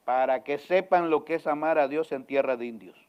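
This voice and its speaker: Male pastor, slightly high voice, dramatic loud-to-soft delivery, keeps checking if the congregation follows. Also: a little fast, smooth. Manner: emphatic preaching with sudden swings from loud to hushed; asks the congregation questions again and again. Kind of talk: sermon.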